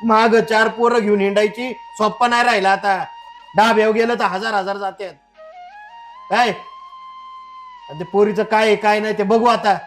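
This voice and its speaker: A man's voice: high voice, steady tone, normal speed, pauses often, faint music behind. A man playing a harsh domineering village father. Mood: angry. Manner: scolding, contemptuous shouting. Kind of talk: short drama acting.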